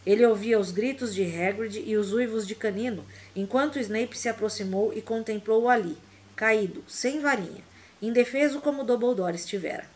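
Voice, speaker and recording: A woman's voice: a little high, normal speed. A woman narrating a fantasy novel aloud with a vivid, dramatic reading. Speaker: audiobook reader. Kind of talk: expressive audiobook narration.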